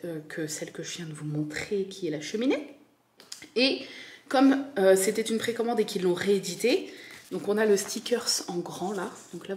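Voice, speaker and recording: A French woman, a crafting vlogger with a French accent, has a medium-pitched, darkish voice. She opens a craft kit on camera, chatting enthusiastically and informally with plenty of fillers and repeated words.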